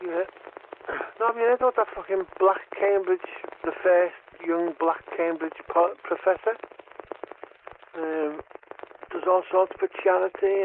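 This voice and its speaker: A man chatting over a CB radio, ranting and swearing heavily. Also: on the high side. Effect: heard over a CB radio. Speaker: CB radio caller. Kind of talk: casual chat. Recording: tinny CB radio with faint static.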